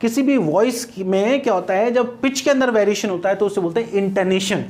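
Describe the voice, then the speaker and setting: A man's voice: high voice, fairly quick, a little mellow. Indian man teaching phonetics patiently. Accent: Indian English. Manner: explains patiently with checking asides and repetition. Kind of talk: exam-prep lecture in Hindi mixed with English.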